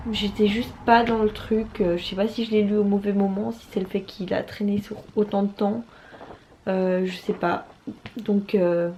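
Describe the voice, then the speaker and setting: A woman's voice: medium pitch, dark tone, a little hiss or hum. A young woman and student chatting casually about books for her vlog, with many fillers and restarts. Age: young adult. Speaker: book vlogger. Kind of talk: casual chat.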